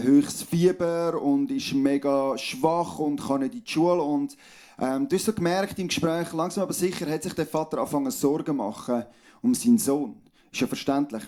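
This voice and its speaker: A male pastor with a Swiss German accent preaching a sermon, telling a personal story in a calm, conversational way. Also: medium pitch.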